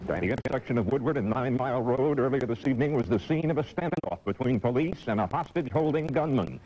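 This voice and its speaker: A man's voice: medium pitch, lively intonation, quick pace, a little mellow. A middle-aged man reading scripted TV news in a studio, heard on warbly old tape. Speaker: TV news anchor. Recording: warbly muffled 1980s tape, faint noise.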